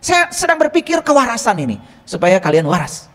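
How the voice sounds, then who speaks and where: A man's voice: high voice, big pitch swings, brisk, a bit bright. A male religious teacher gives a teaching lecture, teasing his listeners with rhetorical questions. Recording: long reverb from a hall.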